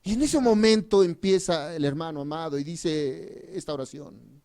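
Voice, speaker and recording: Man, high voice, from Mexico, preacher, church retreat sermon, fervent, loud emphasis then quiet asides. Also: normal speed, clean tone. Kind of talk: sermon with personal testimony.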